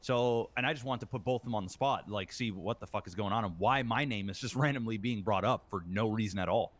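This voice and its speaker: A man's voice: fairly low pitch, fast talker. A man in character in a roleplay game, telling a long story with lots of ums and uhs and acting out what others said. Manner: rambling retelling, full of ums and uhs, acts out quoted lines. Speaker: roleplay gang member.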